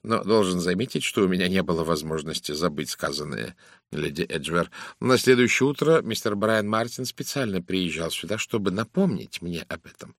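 A man's voice: low voice, expressive, moderate pace, fairly bright tone, dry recording, clean studio sound, exaggerated voice. A man voicing a fussy older male detective who lectures suspects in a precise, theatrical manner. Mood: lecturing. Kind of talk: audiobook character reading.

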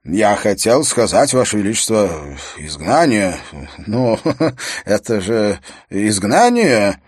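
Casting: fussy royal chamberlain, male, formal and pressing, pitched high and loud, read by a male narrator. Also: animated, moderate pace, no room sound, studio quality, close to an everyday voice. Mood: flustered. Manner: formal, pressing, rising to shrill protest.

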